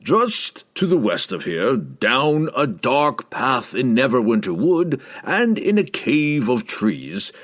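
A man reading aloud, voicing an old male wizard who speaks slowly and ominously. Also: medium pitch, big pitch swings, fairly bright tone, pitched above the performer's own voice, full character voice. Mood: grave. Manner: slow, measured, ominous delivery.

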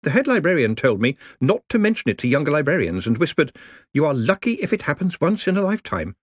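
A man's voice: a little high, big pitch swings, quick pace, slightly rough, no room sound, pitched above the performer's own voice. A man voicing a cheerful, chatty woman librarian.

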